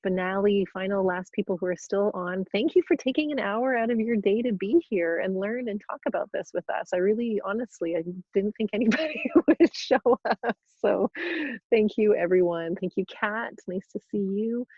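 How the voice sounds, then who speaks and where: A woman yoga teacher trainer with a mid-range voice hosts a casual live Q&A webinar at normal speed, reading questions aloud in a bubbly way with frequent restarts and laughter. It's a dry, lo-fi video-call recording.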